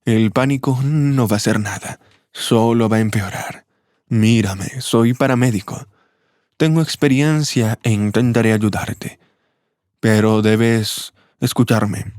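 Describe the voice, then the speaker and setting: A man voicing an old hooded vagrant, a former doctor, speaking low, steady and instructive in a storybook reading. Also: slow, dry recording, clean studio sound, lightly acted. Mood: calm, firm.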